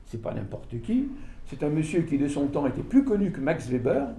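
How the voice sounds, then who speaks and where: An older man, an author giving a book talk, lectures informally to an audience in a dark, mellow voice pitched on the high side. His delivery is animated but halting, full of fillers and restarts. A far camera with no visible mic captured him indoors in a roomy hall, a small room with an audience, so the sound is echoey and distant with slight background noise.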